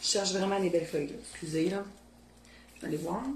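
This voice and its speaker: A woman's voice: on the low side, fairly even intonation, fast talker, darkish tone. A woman from the Beauce region of Quebec with a strong local Québécois accent chats casually through a cooking demo, thinking aloud as she works. Her kitchen sounds roomy and echoey, with a faint hum underneath. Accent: Beauce Québécois French. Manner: chatty, thinks aloud while working, colloquial Québécois speech. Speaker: cooking video host. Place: home kitchen.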